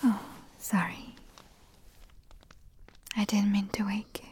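A woman whispering softly in an intimate, soothing ASMR roleplay as a queen. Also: medium pitch, completely flat delivery, takes it slowly, a little hiss or hum. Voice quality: soft whisper. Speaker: ASMR performer.

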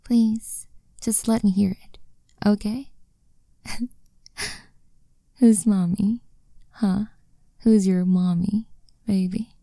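A young woman whispering an intimate, coaxing audio roleplay in a soft, commanding way. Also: medium pitch, steady tone, slow pace, pauses often, no echo, clean studio sound.

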